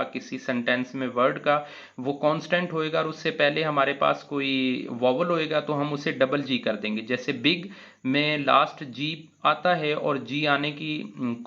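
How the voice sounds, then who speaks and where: A man's voice: on the high side, vocal fry, pushed and bright. A man teaching an English grammar lesson, spelling words out letter by letter with frequent hesitant fillers. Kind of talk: classroom grammar explanation. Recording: dull lo-fi recording.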